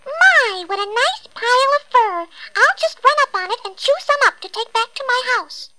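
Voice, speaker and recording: Squeaky tiny mouse. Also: female voice, expressive, normal speed, bright, forceful tone, no echo, full character voice, rough recording. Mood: cheerful. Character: tiny squeaky female mouse, polite and eager.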